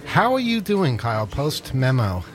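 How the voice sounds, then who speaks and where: A man's voice: mid-range voice, huge pitch swings, a little slow. A man hosting a radio show in a studio, chatting casually and rambling with many self-deprecating restarts. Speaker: radio host. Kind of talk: casual on-air banter.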